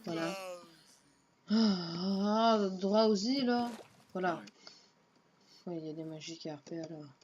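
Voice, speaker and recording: Casual gamer woman, slow offhand running commentary, dull lo-fi home mic. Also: lowish voice, darkish tone, a little hiss or hum. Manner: muttering to herself, unhurried and offhand. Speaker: let's play gamer.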